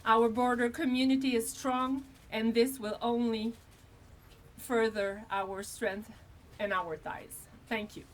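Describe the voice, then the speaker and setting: A woman's voice: on the high side, fairly even intonation, slow. A woman politician with a Québécois French accent reading a formal prepared statement, switching between French and English. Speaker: outgoing local politician.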